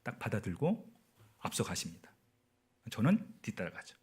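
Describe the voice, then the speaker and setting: A man's voice: on the low side, big pitch swings, moderate pace, darkish tone, slightly rough. A man in his forties, a missionary telling a personal story in a sermon and often asking the audience questions. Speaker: missionary preacher. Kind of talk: sermon at a prayer meeting.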